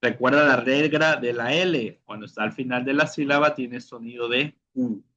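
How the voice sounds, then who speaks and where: A man's voice: medium pitch, moderate pace, pushed and bright, dull audio. A man teaching a beginner language class, drilling pronunciation, repeating words and checking in with "ok?". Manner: calls on students by name. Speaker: Portuguese teacher.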